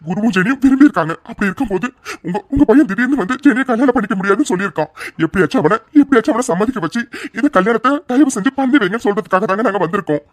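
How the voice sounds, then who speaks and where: A woman's voice: medium pitch, lively intonation, very fast, dry recording, lightly acted. A woman voicing an earnest mother who begs another family on her daughter's behalf. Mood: pleading. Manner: pleading, earnest. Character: pleading mother of a young woman.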